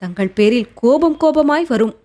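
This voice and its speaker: A woman's voice: a little high, expressive, moderate pace, mellow, close to an everyday voice. A woman voicing a lovelorn young woman who speaks of her sorrow in a plaintive, earnest way in an audiobook. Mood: wistful. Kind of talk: audiobook character reading.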